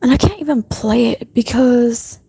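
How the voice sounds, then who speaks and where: A young woman talks to her stream in a soft, breathy whisper, rambling along with plenty of fillers. Her voice sits a little high but sounds dark and mellow, and she keeps it low the whole time. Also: lively intonation, normal speed. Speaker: livestreamer. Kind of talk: whispered casual stream chat. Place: apartment restroom.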